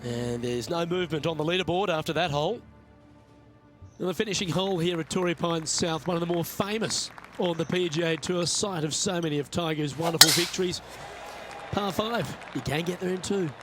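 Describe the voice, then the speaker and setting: A man playing a golf commentator in a video game, with measured sports broadcast delivery. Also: a little high, fairly bright tone, faint music behind, natural voice. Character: composed male TV golf play-by-play commentator.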